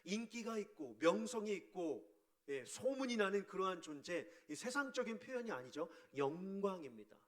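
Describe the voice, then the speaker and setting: A man preaching as a pastor, asking his congregation questions, sometimes shouting out quoted voices and sometimes dropping to a soft murmur. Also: high-pitched, moderate pace. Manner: animated, acts out quoted voices with sudden shouts; drops to a soft near-murmur on key words. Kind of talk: sermon.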